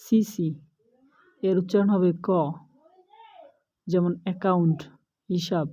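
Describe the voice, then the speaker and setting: A young woman teaching an English lesson, going through letter pairs slowly and carefully. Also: fairly low pitch, fairly even intonation, mellow. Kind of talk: slow spoken lesson.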